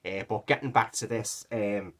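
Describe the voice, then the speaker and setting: This man, speaking with a Liverpool accent at normal speed, has a voice on the low side, throaty from a cough that won't go away. It's a casual film review vlog, and he rambles through it with many fillers and restarts.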